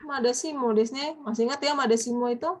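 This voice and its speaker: A woman teaching a grammar class, patiently explaining and quizzing her students with drawn-out prompts. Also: high voice, steady tone. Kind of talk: live class lesson.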